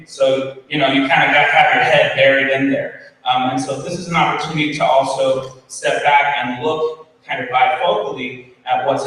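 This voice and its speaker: Speaking to educators in a school hall full of people, a male keynote speaker gives an earnest conference address peppered with ums and restarts. His voice is medium in pitch and fairly bright. The mic is far away, so the roomy hall comes through with faint ambience.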